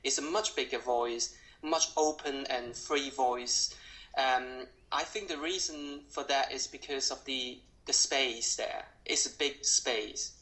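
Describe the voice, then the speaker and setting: Really deep-voiced woman, strong cantonese accent, chatting thoughtfully, kinda halting, keeps rewording stuff. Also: a bit bright, rough recording. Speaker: drama school voice teacher. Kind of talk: informal spoken reflection.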